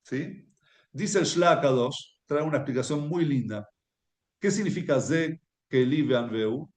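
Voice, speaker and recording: A man with an Argentine accent giving a spoken Torah lesson with stories, in a halting way with many restarts, often checking with his listeners. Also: on the high side, lively intonation. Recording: echoey room.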